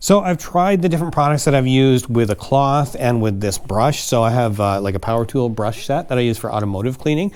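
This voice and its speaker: A man's voice: brisk, few pauses, clear, resonant tone. A Canadian man hosting a how-to vlog, chatty and self-mocking, working in his garage. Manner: chatty and self-mocking, lively swings in pitch. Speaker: host.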